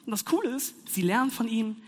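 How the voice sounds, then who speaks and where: A young man delivers a laid-back sermon in youth slang, animated, joking with his listeners. His voice sits high for a man. The sound rings with a long hall reverb. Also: fairly quick. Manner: slangy, animated, playful asides. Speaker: youth preacher. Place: hall with audience.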